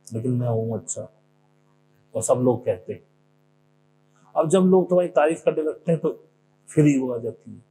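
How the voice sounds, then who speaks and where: Man, spiritual speaker, gravelly voice; conversational discourse that draws on his own life, with a hum and noise under it. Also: medium pitch. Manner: often mimics what others said. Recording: noisy recording with a steady hum.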